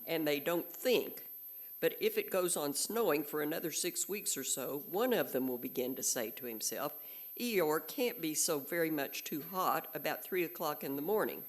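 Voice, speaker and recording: A woman reading a storybook aloud and voicing a melancholy old male donkey in a slow, mournful way. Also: low-pitched, animated. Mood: gloomy.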